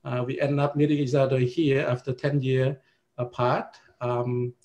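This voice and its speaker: Guy in his 50s on a video call, earnest, lots of uhs and restarts, middle pitch. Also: little pitch movement, a little slow, darkish tone. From Cambodia. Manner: earnest, many fillers and restarts. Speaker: panelist. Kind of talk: self-introduction on a video call. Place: indoors with a virtual background.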